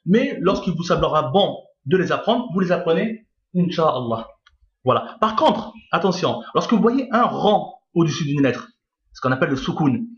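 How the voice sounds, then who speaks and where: A man teaching a beginners' Arabic reading lesson online, patient, repeating each point and checking in with his listeners. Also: high voice. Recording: roomy, dull lo-fi sound.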